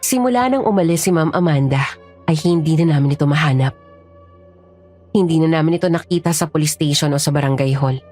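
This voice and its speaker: Low-voiced woman narrating a horror tale. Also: brisk, soft background music. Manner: steady, serious storytelling. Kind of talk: scripted first-person horror narration.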